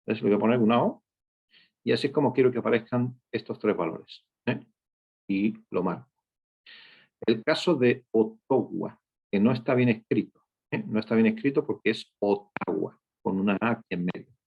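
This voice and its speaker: Gravelly low-voiced man teaching data cleaning. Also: normal speed. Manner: explanatory, frequent "¿eh?" and "¿ok?" check-ins. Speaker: data instructor. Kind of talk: screen-share coding tutorial. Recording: dull lo-fi sound.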